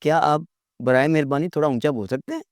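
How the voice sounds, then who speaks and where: A man teaching a lecture, conversational and animated, acting out rude and polite phrasings for his listeners. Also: on the high side, fast talker, dry recording, studio quality. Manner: conversational, addresses listeners as "yaar" and "bhai". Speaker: English teacher.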